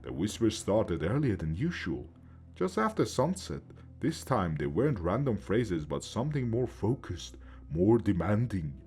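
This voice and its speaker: A man reading a first-person horror story aloud in a steady, measured way. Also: fairly low pitch.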